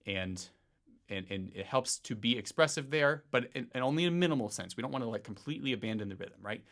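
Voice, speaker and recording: A man teaching a piano lesson, explaining rhythm in a relaxed way and counting beats aloud in a sing-song voice. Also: medium pitch, fast talker. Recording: faint piano music underneath. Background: piano playing.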